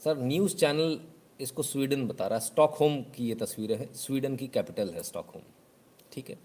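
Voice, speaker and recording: A male host talks casually on a live show. His tone is sarcastic and mocking. He speaks at an ordinary, mid pitch for a man. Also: normal speed, a little mellow. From Uttar Pradesh, India.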